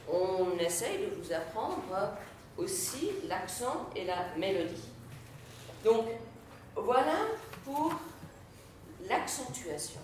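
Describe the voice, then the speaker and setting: A woman's voice: mid-range voice, a little hiss or hum. Woman teaching a class, lots of ums, very echoey room, mic kinda far off. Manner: explanatory, frequent hesitations and fillers. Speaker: Latin teacher. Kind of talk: lecture.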